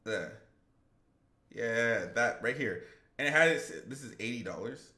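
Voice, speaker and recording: A man hosting a live gaming stream in loose, rambling chat, stopping to read viewer comments out loud. His voice sits in a middling range and carries a noticeable roomy echo. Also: mid-range voice, expressive, measured pace.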